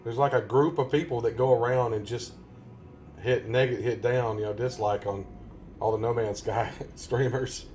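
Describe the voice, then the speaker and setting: During a game livestream, a Tennessee Southern man jokes and rambles with his audience, with frequent chuckles. He speaks at normal speed in a mid-range, darkish, steady voice, with soft music behind him.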